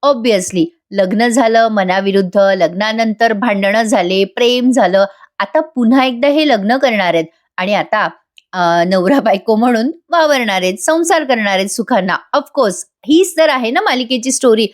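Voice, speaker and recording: A woman's voice: fairly high pitch, normal speed. A woman narrating a casual spoken recap of a TV serial, talking straight to her viewers in a chatty way.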